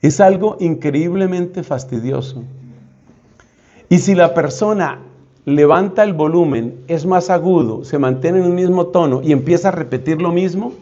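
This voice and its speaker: A man's voice: fairly high pitch, moderate pace, dark tone. A man, a priest, giving a conversational, humorous retreat teaching. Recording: dull lo-fi sound.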